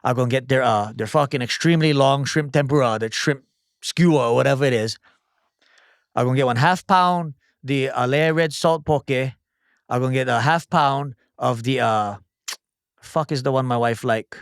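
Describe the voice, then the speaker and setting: A man's voice: mid-range voice, normal speed, dry recording, studio quality. A man in his forties from Hawaii with a Hawaiian Pidgin-tinged accent, speaking as a guest in a casual podcast conversation in a blunt, emphatic, profane way. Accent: Hawaiian Pidgin-tinged English. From Oahu, Hawaii. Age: 40s. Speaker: guest chef and entrepreneur.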